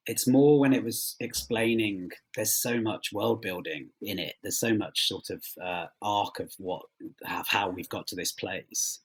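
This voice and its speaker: A man's fairly low, breathy-edged voice comes through a rough recording as he answers interview questions as a writer. He's reflective and hesitant, his phrasing halting and full of trailing rephrasings.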